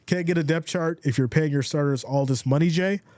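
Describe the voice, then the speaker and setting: A man whose voice is a little high and congested calls plays briskly on a live stream, mixing in viewer comments and building excitement in a casual style. The recording is dry.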